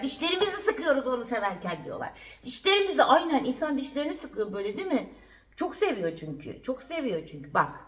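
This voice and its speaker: A woman from Turkey chatting casually to camera at home in a daily vlog, talking to her puppy in a cooing voice and repeating herself. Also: a little high. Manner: chatty, cooing baby talk to her dog, repeats phrases. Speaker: vlogger. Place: at home indoors.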